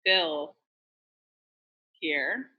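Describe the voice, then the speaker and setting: A woman's voice: deep voice, lively intonation, extremely slow, dull audio. A woman from Massachusetts, a restaurant co-owner, talking candidly in a casual interview with lots of "like" and "you know". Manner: chatty, candid, fillers like "like" and "you know", swears.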